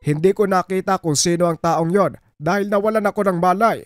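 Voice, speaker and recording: A man voicing a gentle old village man who speaks in a measured, pleading way. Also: sits high, no room sound, voice pushed up, lightly acted. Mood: calm pleading.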